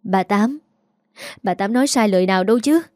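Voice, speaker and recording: A wounded young man with a Southern Vietnamese accent, earnest and pleading on the edge of tears, as a woman reading a story voices him. The sound is warm, mellow and dry. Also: mid-range voice, fairly quick, no room sound, lightly acted. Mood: tearful pleading. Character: young adult orphan son, hurt and pleading.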